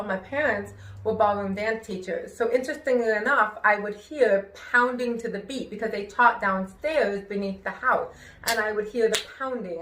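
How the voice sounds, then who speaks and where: Woman with distorted, w-like r sounds, echoey room. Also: mid-range voice. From New York, United States. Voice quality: hearing-impaired speech with distorted r sounds, closer to w or a rolled r. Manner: careful pronunciation with worked-on inflection; expressive, emphatic. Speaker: singer and show host. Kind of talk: personal conversational talk.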